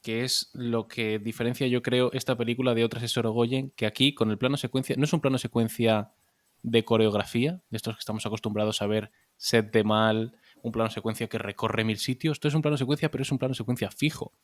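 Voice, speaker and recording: A man's voice: medium pitch, steady tone, quick pace, no room sound. A man hosting a film podcast, analytical and explaining ideas and posing questions to his panel. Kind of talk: casual film discussion.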